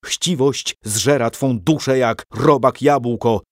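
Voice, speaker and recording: A man's voice: mid-range voice, slow pace, no echo, studio quality, pitched above the performer's own voice. A man voicing a stern old monk who reproves and preaches.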